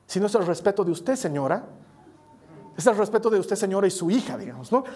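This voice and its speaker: A man's voice: high voice, big pitch swings, fast, darkish tone, breathy edge. A man preaching a sermon in a conversational way, checking in with his listeners and adding touches of humor.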